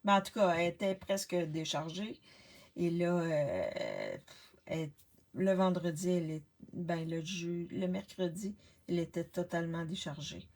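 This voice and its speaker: Fairly low-pitched and darkish in tone, this woman sounds expressive and speaks a little slowly. She is a retired Canadian chatting casually while making cards on a live stream, calling out viewers' names between fillers and false starts, recorded through a desk laptop webcam in her home workspace.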